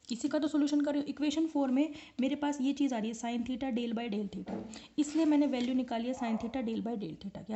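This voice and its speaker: Over lo-fi audio, a woman with a high, dark-toned voice gives an online physics lesson. She breaks everything into steps and frequently asks if the students are keeping up.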